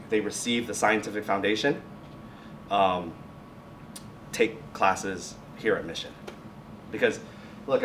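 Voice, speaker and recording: A lowish-voiced high school biotech and science teacher speaks as a guest, presenting informally with a question-and-answer session. His phrases often restart and get corrected mid-stream. It's recorded in an echoey college classroom or lab via a distant mic, with faint noise.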